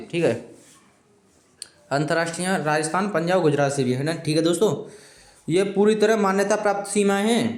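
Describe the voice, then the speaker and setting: A man with a high voice teaches an exam coaching lesson in an echoey room. He repeats each point over and over, keeps checking in with his students, and pleads with them informally. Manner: repetitive, keeps saying "okay friends".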